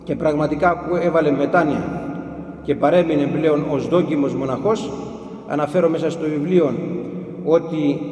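A monk telling stories of monastic elders in an unhurried, halting way with frequent restarts. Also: male voice, a little high, fairly even intonation, mellow. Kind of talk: storytelling talk about monastic elders. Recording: echoey hall with long reverb.

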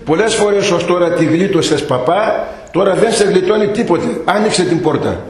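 Man playing menacing soldiers, raised high voice, echoey. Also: animated. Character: rough shouting male soldiers, menacing.

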